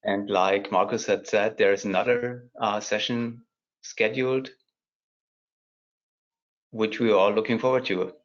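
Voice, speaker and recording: A man's voice: on the low side, fairly even intonation, a little slow, pauses often. A man moderating an online technical panel, politely thanking the presenters and steering the agenda. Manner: polite, wraps things up with thanks. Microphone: video call. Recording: slightly muffled call audio.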